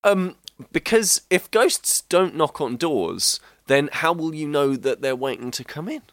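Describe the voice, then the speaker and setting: A podcast host playing a goofy, excitable male ghost in a comedy sketch, wailing and rambling. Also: on the high side, measured pace, dry recording. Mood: giddy. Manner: giddy, wailing woos, rambling.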